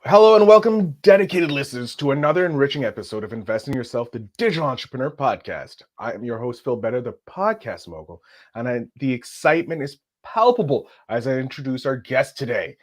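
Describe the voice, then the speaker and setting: A man's voice: medium pitch, very animated, fairly quick. A man hosting a podcast, opening with a formal, grandiose and enthusiastic introduction before interviewing his guest. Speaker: podcast host.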